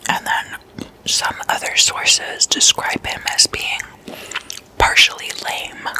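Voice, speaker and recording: An ASMR host whispers slowly in an intimate slumber-party chat, treating listeners as guests. She softly repeats single words, letting them trail off in gentle echoes.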